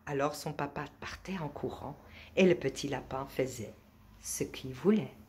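A woman reading a children's picture book aloud at a library, playful and expressive, giving the characters their own voices. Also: extremely low pitch, normal speed, slight background noise. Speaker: library storyteller.

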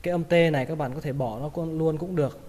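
A man with a Vietnamese accent gives a pronunciation lesson, drilling each English word over and over at an unhurried pace. His voice sits a little high for a man, and a long reverb trails after it. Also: darkish tone. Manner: repeats each word slowly several times. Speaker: English vocabulary teacher.

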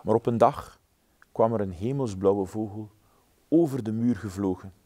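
Brief: man, warm low voice, gentle measured children's story reading. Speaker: storybook reader. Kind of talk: children's story read-aloud.

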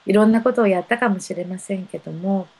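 A woman giving unhurried spiritual messages to viewers of a live stream, speaking gently with many soft fillers. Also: medium pitch, husky, poor audio. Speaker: spiritual counselor.

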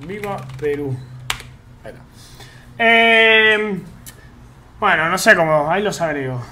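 A man's voice: high voice, animated, a little slow, bright, forceful tone, slight background noise. A man with an Argentine Rioplatense accent, chatting casually with his live-stream chat in slangy, easygoing talk while he plays a game. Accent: Argentine Rioplatense Spanish. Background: faint game music.

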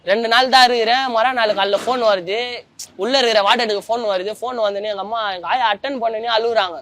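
Young man, high, fast, candid. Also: fairly bright tone, dry recording. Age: young adult. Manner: colloquial, often trails off searching for words. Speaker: interviewee, former prisoner. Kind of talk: emotional personal account.

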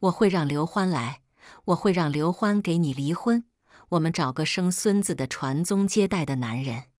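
A woman's voice: lowish voice, normal speed, a little mellow, no echo, clean studio sound, lightly acted. A woman reading a story, voicing a domineering, unreasonable mother-in-law in her fifties. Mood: angry, scolding. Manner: scolding, unreasonable.

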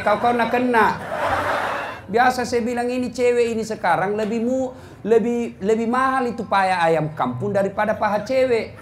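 Animated high-voiced comic preacher, man. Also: background noise. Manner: animated, jumps from shouts to low mutters, acts out scenes. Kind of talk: comic sermon to a live crowd.

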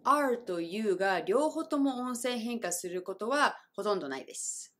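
A young adult woman whose first language is English, teaching pronunciation in a friendly video lesson, bright and upbeat, modeling phrases slowly and clearly. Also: fairly high pitch, animated.

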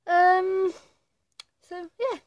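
A young woman with a tongue piercing chatting casually and hesitantly to the camera as a vlogger, pausing often between short phrases. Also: very high-pitched, steady tone. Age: young adult. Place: small attic bedroom, indoors. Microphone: phone or webcam at arm's length.

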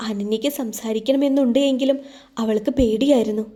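A woman narrating a scripted audio drama story in calm, measured storytelling. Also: a little high.

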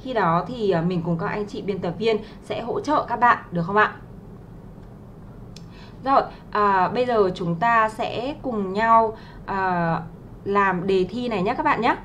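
A woman's voice: mid-range voice, a little slow, a bit bright, a little hiss or hum. A young woman teaching English to exam students on a livestream, speaking politely and patiently with many filler sounds and friendly tag questions, reading English words with a Vietnamese accent.

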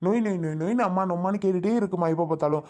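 A man's voice: sits high, darkish tone, lightly acted. A man playing a stern, impatient father who lectures and threatens his small daughter. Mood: complaining. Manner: lectures and threatens in fast, irritated talk.

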